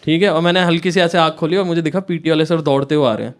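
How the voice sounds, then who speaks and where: A man's voice: fairly high pitch, very fast. A young man from India telling a story as a stand-up comedian, chatting with the crowd and acting out scenes as he goes. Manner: chatty, keeps checking in with the crowd, acts out scenes. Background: audience laughter.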